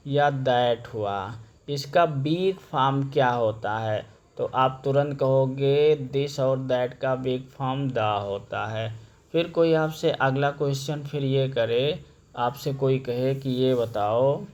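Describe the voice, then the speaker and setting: A male teacher giving a classroom lesson, repeating his points and asking his students questions. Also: medium pitch. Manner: slow, repetitive, asks the class questions. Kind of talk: classroom lesson explaining English grammar.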